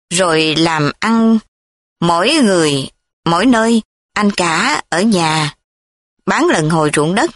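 A woman's voice: medium pitch, fairly bright tone, dry recording. Woman reading as a chatty gossiping village aunt. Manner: talkative, rambling.

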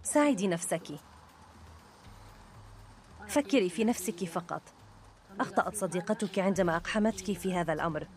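A soothing, motherly female officer, dubbed by a woman calms a frightened detainee in a gentle, pleading way. Her voice sits fairly low for a woman. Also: a little fast, pauses often, natural voice. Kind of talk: dubbed documentary dialogue.

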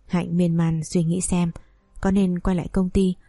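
A woman reading a story aloud in a calm, even voice, narrating and doing every part herself. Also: lowish voice, measured pace, no room sound, studio quality.

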